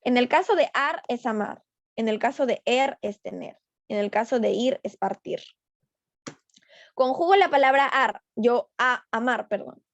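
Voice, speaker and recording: A woman teacher giving a review lesson in an online class, explaining slowly and deliberately, stressing syllables and quizzing a student. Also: fairly high pitch, animated, no echo. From Peru. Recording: dull, lo-fi online class audio.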